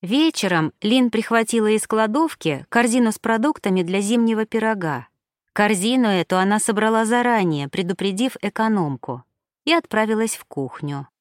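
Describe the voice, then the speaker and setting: A woman narrating an audiobook in a calm, even storytelling voice. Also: medium pitch, normal speed, dry recording, studio quality. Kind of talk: scripted narration.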